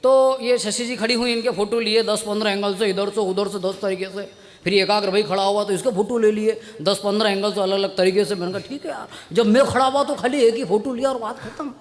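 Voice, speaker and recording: A comic poet on stage, telling chatty, self-mocking stories and acting out the dialogue. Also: male voice, high-pitched, fairly even intonation, a little fast, in a large hall. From India. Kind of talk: stand-up storytelling at a poetry gathering. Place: stage at a poetry gathering. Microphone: stage mic on a stand.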